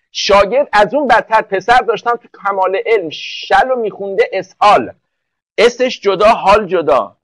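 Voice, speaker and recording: A man's voice: high voice, fairly bright tone, dry recording, rough recording. A man teaching English for an entrance exam in a live online class, joking and speaking directly to students one by one.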